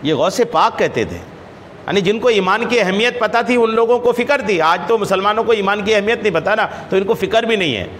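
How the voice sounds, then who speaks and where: A man with a high, bright voice delivers a religious lesson, drawing out scripture in slow chant before explaining it with rhetorical questions and repeated phrases. His pitch swings widely, and he is recorded with a long hall reverb and faint noise underneath. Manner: chants Arabic hadith text slowly, then explains it in lively repetitive speech. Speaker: religious scholar and preacher. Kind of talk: hadith lesson sermon.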